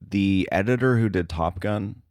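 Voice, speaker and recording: Unhurried and a little mellow, this man speaks in a low voice as a podcast guest in a relaxed interview. He hesitates and works through his thoughts aloud. The recording is close and dry, with no room sound.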